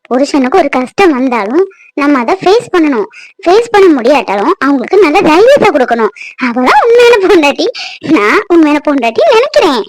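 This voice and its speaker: Woman as a sweet young cartoon wife, squeaky high voice, dry close studio sound, soothing and patient. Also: dry recording, rough recording. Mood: earnest. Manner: soothing, coaxing. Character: young devoted wife, gentle and reassuring.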